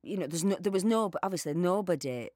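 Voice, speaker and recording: A woman's voice: lowish voice, fast talker, no room sound, clean studio sound. A woman with a Northern English accent, a guest actor in casual chat, self-deprecating and chatty. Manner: chatty, self-deprecating, slips into lively quoted voices.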